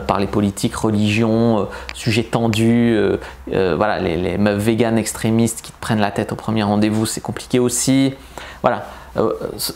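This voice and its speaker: A man's voice: mid-range voice, a little mellow, a little hiss or hum. Male dating coach, blunt, slangy, opinionated, casual talk to camera. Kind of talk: casual advice video to camera.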